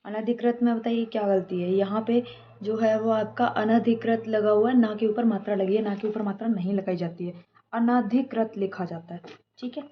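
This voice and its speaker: A woman's voice: mid-range voice, fairly even intonation, moderate pace, lo-fi sound, a little hiss or hum. A woman teacher giving a spelling lesson, her voice a little down because she is unwell, repeating each correction and checking in often. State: voice slightly down from feeling unwell. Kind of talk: spoken Hindi spelling lesson.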